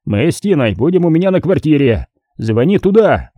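A man's voice: fairly high pitch, sing-song, moderate pace, dark tone, dry recording, pitched above the performer's own voice. A man voicing a panicked, short-tempered male gang boss who snaps out orders. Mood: harsh. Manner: barking, snapping orders.

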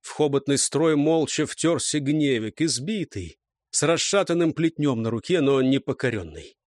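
A man narrates an audiobook with a dramatic, vivid delivery. His voice is somewhat high and very lively in pitch, and the recording is dry and close. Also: normal speed, no room sound.

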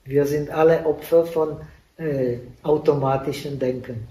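Slow, halting monk in an echoey hall. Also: male voice, on the high side, steady tone, dark tone. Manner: halting, with frequent pauses and fillers; non-native German with broken grammar. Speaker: Buddhist monk teaching meditation. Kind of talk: dharma talk at a meditation retreat. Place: retreat meditation hall. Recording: echoey room, voice from a distant mic.

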